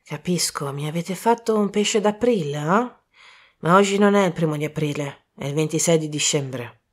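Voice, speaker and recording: A calm, grave older detective, as a woman narrator puts him on, with a lowered, hushed voice. He talks in slow, measured phrases and stays quiet and serious. The voice sits a little deeper than her own reading voice.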